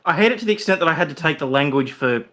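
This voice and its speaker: A man's voice: fairly high pitch, lively intonation, rapid-fire, pushed and bright. A man joining a casual livestream as a guest, swearing and bantering with laughter.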